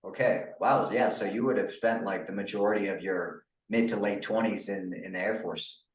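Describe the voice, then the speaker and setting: A young adult man hosting a casual interview podcast, relaxed and full of fillers. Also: lowish voice, normal speed, distant mic. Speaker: podcast host. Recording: echoey room, off-mic.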